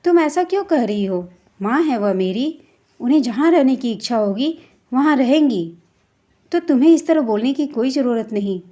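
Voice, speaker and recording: A woman voicing an adult husband in a Hindi family story, reasoning calmly and then standing firm for his mother. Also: high-pitched, normal speed. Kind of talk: storytelling role voice.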